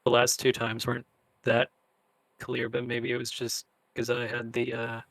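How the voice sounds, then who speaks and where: A man's voice: mid-range voice, monotone, normal speed, gravelly, a bit bright, no echo. A man bantering casually as a podcast co-host.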